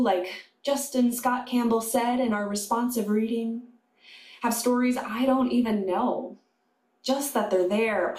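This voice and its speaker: A woman chaplain delivering a sermon to a congregation, slow and deliberate with pauses. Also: on the high side, a little mellow. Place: congregation sanctuary. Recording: echoey room.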